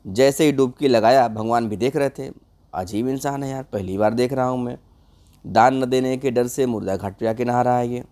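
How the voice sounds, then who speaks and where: A man's voice: mid-range voice, moderate pace, a little mellow. A man narrating a comic folk tale in a loose, conversational way, addressing his viewers. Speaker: storyteller.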